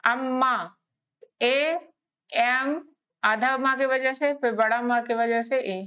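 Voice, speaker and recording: A woman teaching a spelling lesson, spelling out letters one by one in a slow, patient way. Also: high-pitched, fairly even intonation, smooth. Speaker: English teacher. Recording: slightly dull lo-fi recording.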